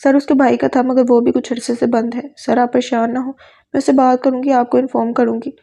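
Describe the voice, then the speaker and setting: Brief: a woman playing a respectful, worried young student, even delivery. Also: sits high, vocal fry. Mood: reassuring. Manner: polite, hesitant.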